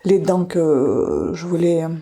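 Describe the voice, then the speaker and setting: Woman, middle-aged, casual vlog chat, relaxed and chatty, dark mellow tone, slightly breathy. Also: deep voice, slow. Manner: relaxed, chatty, talks while doing skincare. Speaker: beauty vlogger. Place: bathroom at home.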